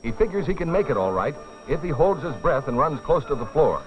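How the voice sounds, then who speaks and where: This is a fairly quick, very animated man with a higher-leaning voice, narrating a safety training film as a scripted drama. His manner is grave, urgent and theatrical, over a dull vintage soundtrack with music.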